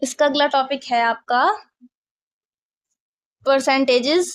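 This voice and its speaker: A woman's voice: sits high, fairly even intonation, extremely slow. A woman teaching a maths lesson, explaining step by step and often asking if the class follows.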